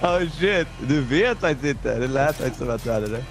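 Animated young male gamer. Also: medium pitch, background noise. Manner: lively, jumps into loud squeals. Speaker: co-op gaming partner. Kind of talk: casual co-op gameplay chat.

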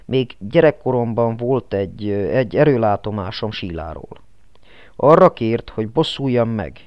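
A man's voice: fairly low pitch, animated, no room sound, close to an everyday voice. A man voicing a grieving, bitter woman leader. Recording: dull lo-fi, dry.

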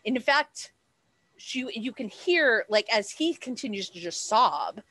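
A woman's voice: on the high side, expressive, takes it slowly, fairly bright tone, no room sound. A woman game master narrating a tabletop game over a headset on a video call.

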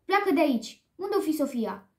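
A woman's voice: sits high, sing-song, a little mellow, pitched above the performer's own voice. A fatherly storybook king. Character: kind middle-aged king, sneezing father. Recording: echoey room.

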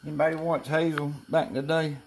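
A man's voice: a little high, flat delivery, fast, gravelly, slight background noise. Older Southern man, folksy and rambling. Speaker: cooking show co-host. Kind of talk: casual cooking chat. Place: home kitchen.

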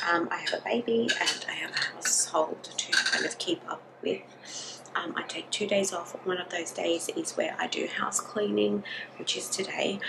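A young woman chatting casually to camera about her home routine, softly spoken and sometimes whispering. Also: on the low side, gravelly, noisy background. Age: young adult. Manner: chatty, softly spoken, drops to a whisper while the baby naps. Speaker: vlogger. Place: small home kitchen and bedroom indoors. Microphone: camera at arm's length or on a counter.

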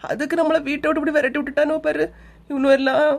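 A woman's voice: high-pitched, flat delivery, fast, vocal fry. A woman with a Kanyakumari Tamil accent voicing a whiny, complaining younger woman in a cartoon comedy. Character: tearful greedy younger sister-in-law.

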